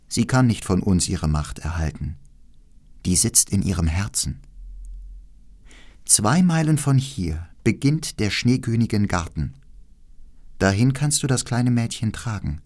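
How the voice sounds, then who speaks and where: A man voicing a wise old woman who gives calm, grave instructions in a fairy-tale audiobook reading. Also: mid-range voice, a little slow, long pauses.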